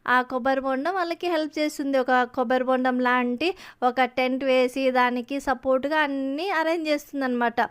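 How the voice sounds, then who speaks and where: Lady telling a kids story, chatty, high voice. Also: fairly even intonation, fairly quick, smooth. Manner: chatty, repeats fillers. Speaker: storyteller for children.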